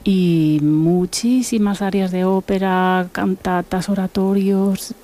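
A musician and author from Buenos Aires, Argentina, speaks slowly at a medium pitch in a relaxed interview. As she thinks, she loops back and repeats words.

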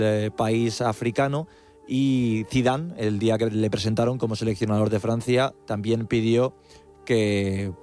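A man's voice: mid-range voice, darkish tone. A man hosting a sports radio show, introducing a guest with a presenter's delivery and small hesitations. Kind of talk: radio interview.

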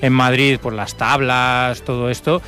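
Radio co-host, man in his forties, mid-pitched voice, talks things through, soft music behind. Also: little pitch movement, unhurried. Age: 40s. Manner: explains at length with lots of examples. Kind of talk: casual morning radio chat. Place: radio studio.

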